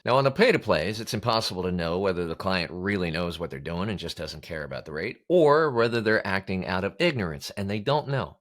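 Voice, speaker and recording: A voice-over coach hosts an advice show, delivering scripted instructional talk to camera. His lowish, slightly bright voice carries an emphatic, blunt, colloquial manner.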